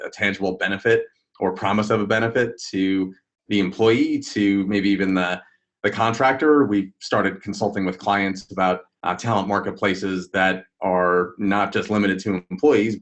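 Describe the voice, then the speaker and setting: A man with a very low voice co-hosts a live webinar. He explains ideas in a measured, thoughtful way over a video call. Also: a bit bright. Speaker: webinar co-host.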